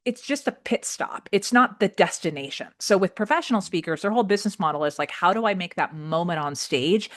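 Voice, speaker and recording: A woman's voice: fairly low pitch, fairly quick, hardly any pauses. Emphatic woman coaching in a conversational way. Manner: emphatic, animated explaining, informal. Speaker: speaking coach, podcast guest. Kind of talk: conversational teaching.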